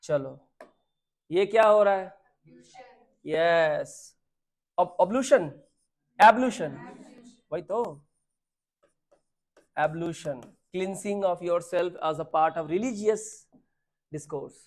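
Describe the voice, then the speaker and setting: A man's voice: sits high, very slow, long pauses. Man teaching vocabulary, quizzing students. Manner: quizzing, checks understanding often; mixes English terms into Hindi speech. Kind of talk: classroom vocabulary lesson.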